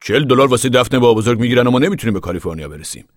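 A man's voice: mid-range voice, lively intonation, dry recording, studio quality, pitched above the performer's own voice, close to an everyday voice. A man voicing a proud, weary farm father who speaks in an earnest, dignified, raised voice for an audiobook. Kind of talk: audiobook character voice.

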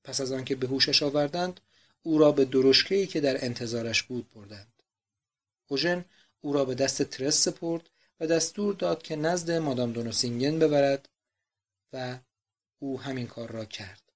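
A man reading a novel aloud as narrator, in a measured, subdued way. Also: medium pitch.

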